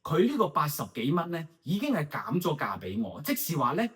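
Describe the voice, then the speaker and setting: A man's voice: a little high, wildly swooping pitch, fairly quick, fairly bright tone. A man from Hong Kong with a Hong Kong Cantonese accent, co-hosting a casual chat and laughing often between fillers. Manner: chatty, frequent laughs and filler particles. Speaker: co-host.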